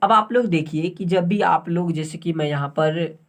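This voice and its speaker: Patient tutor who spells words out. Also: male voice, fairly high pitch, normal speed, fairly bright tone. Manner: asks and answers his own questions, spells words letter by letter; repeats each phrase and checks in with "okay". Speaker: English grammar teacher. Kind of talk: online tutorial lesson.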